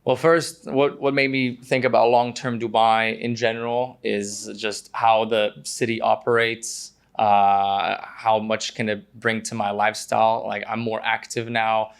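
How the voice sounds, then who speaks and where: A man from Croatia speaks as a podcast guest in a very flat, even voice. He talks casually, pausing often and restarting his sentences. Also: lowish voice, vocal fry, smooth. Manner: hesitant, many fillers and restarts, flat delivery. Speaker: guest, prospective investor.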